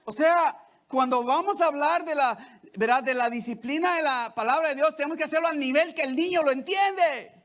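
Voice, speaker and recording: A man with a very high-pitched voice preaching a sermon. He speaks in a conversational way, with frequent restarts, and keeps checking in with the congregation through short tag questions. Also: moderate pace, a bit bright. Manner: repeats "¿verdad?" and "¿sí?" to the congregation, with many restarts.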